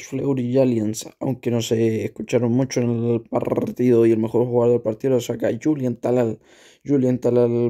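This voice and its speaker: Very dark-voiced man commentating football. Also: mid-range voice. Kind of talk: commentary of a football video game, play-by-play and match statistics.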